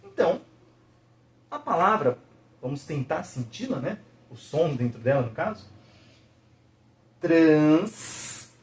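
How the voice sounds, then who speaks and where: A man teaching a video lesson, patiently checking in with the viewer and slowly sounding out each syllable. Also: a little high, very animated, a bit bright.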